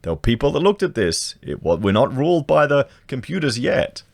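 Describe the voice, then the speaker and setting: A man's voice: medium pitch, big pitch swings, a little fast, gravelly, no room sound. Indignant Australian man reading the news. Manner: indignant, rhetorical questions, colloquial slang. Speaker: commentary vlogger. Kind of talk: reading news aloud with opinionated commentary. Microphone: podcast microphone.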